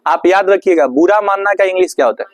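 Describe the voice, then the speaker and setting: Male teacher, fairly high voice, dry close sound, quizzes his class. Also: no room sound. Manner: asks the class questions and answers them himself; slows right down to spell out English phrases. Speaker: English teacher. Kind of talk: classroom lesson. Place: classroom with students.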